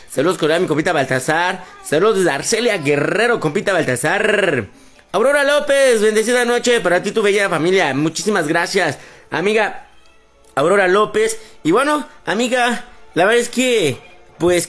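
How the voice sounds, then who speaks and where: A man with a Mexican Spanish accent hosting a casual livestream, reading out greetings to followers and talking tenderly to his baby. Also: fairly high pitch. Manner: affectionate baby talk mixed with shout-outs. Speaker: livestream host. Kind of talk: casual live-stream greetings.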